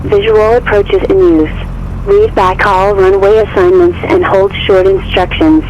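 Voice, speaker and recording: A man's recorded airport weather broadcast played over an aircraft radio, read in a steady, measured way. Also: sits high. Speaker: automated airport information announcer. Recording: muffled radio audio with faint noise.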